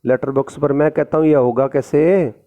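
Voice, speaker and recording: A man's voice: fairly high pitch, fairly even intonation, moderate pace, phone-quality sound, natural voice. A man doing a kindly talking tree. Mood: concerned. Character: watchful talking tree, male, kindly and protective.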